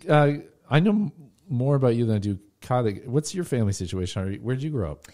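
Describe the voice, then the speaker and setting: A man's voice: medium pitch, sing-song, fast, mellow. A male interviewer asking casual questions in an easygoing way and laughing often.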